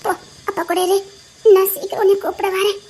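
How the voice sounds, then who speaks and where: A woman with a Tirunelveli Tamil accent playing a sad mother who gently coaxes her daughter, speaking soft and low. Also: little pitch movement, fairly quick. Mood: sad coaxing. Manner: soft, subdued, coaxing.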